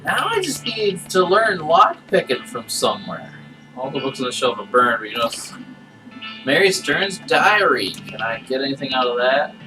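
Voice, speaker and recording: Man, casual gaming commentary, playful muttering, medium pitch, a bit far from the mic, music in background. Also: sing-song, normal speed. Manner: thinks aloud, playful muttering. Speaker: gamer playing and narrating a game. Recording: distant mic, game music behind.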